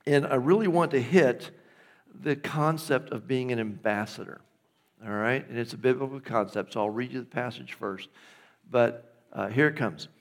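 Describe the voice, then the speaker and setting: Gravelly middle-aged man preaching. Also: medium pitch, normal speed. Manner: conversational preaching with audience check-ins. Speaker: pastor. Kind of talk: sermon. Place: church sanctuary.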